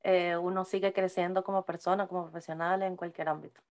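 A woman's voice: on the low side, level tone, brisk. A woman from Venezuela hosting a podcast interview in a friendly, conversational way. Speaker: podcast host. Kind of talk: casual interview chat.

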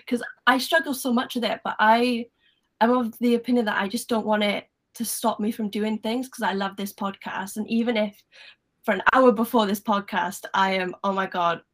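A woman's voice: medium pitch, fairly even intonation, normal speed. A young woman with a Welsh accent hosting a podcast over a call, chatty and upbeat, full of fillers. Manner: chatty, upbeat, giggly, lots of "like". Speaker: podcast host. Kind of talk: casual podcast chat. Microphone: remote call.

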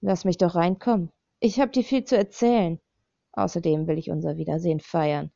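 A woman's voice: lowish voice, fairly even intonation, measured pace, gravelly, mellow, dry recording. A woman voicing a man who stalks and threatens a young woman, mocking and coaxing in turn, on a slightly dull recording.

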